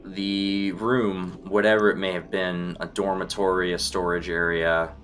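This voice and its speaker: A man running a tabletop game as game master, setting scenes in a deliberate, descriptive way. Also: low voice, flat delivery, a bit bright. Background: background music.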